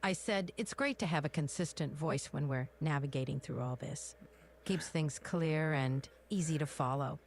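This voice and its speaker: A woman's voice: low-pitched, normal speed, a little hiss or hum. Polished AI copilot woman's voice. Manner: smooth, polished and even. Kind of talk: scripted assistant replies.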